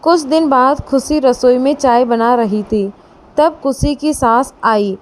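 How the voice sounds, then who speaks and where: Slow, high-voiced woman storyteller. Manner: calm, even storytelling. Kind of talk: storybook narration.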